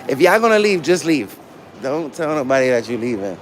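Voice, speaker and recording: This one has a mid-range, very animated voice and a brisk pace. He's moving around a public library while livestreaming casually, chatting to his audience in crude, slangy, blunt terms over a noisy handheld stream.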